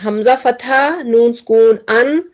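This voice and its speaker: A woman teaching a tajweed class, drilling students slowly with repeated questions and mixing English words into her speech. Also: a little high, darkish tone, lo-fi sound, faint music behind. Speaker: Quran recitation teacher.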